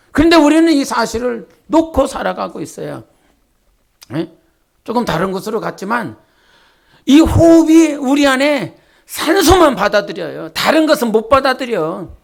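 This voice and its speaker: High gravelly-voiced man preaching a sermon. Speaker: pastor. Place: church sanctuary.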